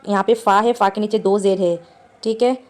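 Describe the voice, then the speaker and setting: A woman's voice: medium pitch, fairly even intonation, a little mellow, soft background music. Patient woman teaching recitation rules. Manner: patient, explains each mark then models the sound slowly. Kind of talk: step-by-step recitation lesson.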